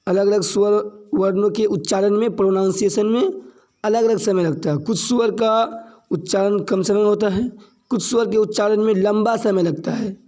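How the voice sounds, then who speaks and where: Guy teaching grammar slow, high but mellow voice, keeps asking and answering himself. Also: fairly even intonation. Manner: repeats points and asks questions he answers himself; slow and deliberate, stressing key terms. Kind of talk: classroom grammar lesson.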